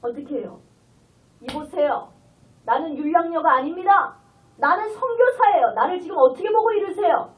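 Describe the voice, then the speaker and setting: A woman's voice: sits high, steady tone, a little fast, a little mellow, lightly acted. Frightened female missionary, as a woman preacher puts her on. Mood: indignant. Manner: pleading, tearful prayer. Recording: distant tinny lo-fi sermon recording.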